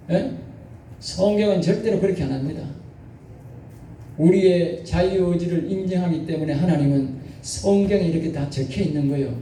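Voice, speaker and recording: High-voiced pastor preaching in a hall. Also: male voice, mellow, slight background noise. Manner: exhorting, keeps asking the congregation to answer. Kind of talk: sermon. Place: church sanctuary. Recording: echoey church hall from far off.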